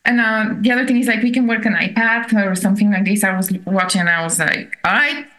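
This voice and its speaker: A woman's voice: medium pitch, fairly even intonation, fast, fairly bright tone, poor audio. A middle-aged woman from Bulgaria with a thick Bulgarian accent, chatting casually as a podcast guest. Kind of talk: casual chat.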